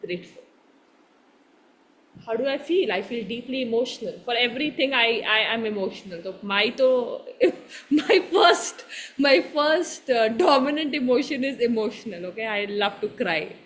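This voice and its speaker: A woman's voice: fairly high pitch, lively intonation, normal speed. Encouraging Indian woman coaching a group. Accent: Indian English. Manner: warm, encouraging, laughs often, checks in with the group; mixes Hindi phrases into her English. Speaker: workshop coach. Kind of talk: guiding a live workshop exercise.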